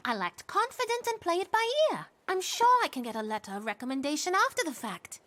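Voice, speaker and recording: Very high-pitched, brash young housemaid. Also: female voice, fast talker, slight background noise, heavily acted. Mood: breezy, confident. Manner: excitable, pushy, emphatic. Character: brash, ambitious young country housemaid girl, eager and naive. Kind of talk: animated drama dub acting.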